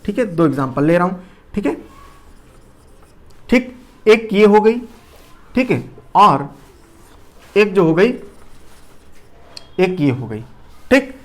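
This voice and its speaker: A man's voice: high voice, sing-song, takes it slowly, long pauses. Man teaching with constant repeated questions. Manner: repeats key points with rhetorical questions, checks understanding; shifts loudness and speed to demonstrate. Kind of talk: classroom lecture.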